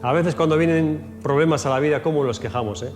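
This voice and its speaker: Lively storytelling pastor in a church hall. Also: male voice, a little high, fast talker. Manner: acts out Bible scenes in quoted voices, shouts and laughs. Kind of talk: storytelling sermon. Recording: echoey church hall with faint music.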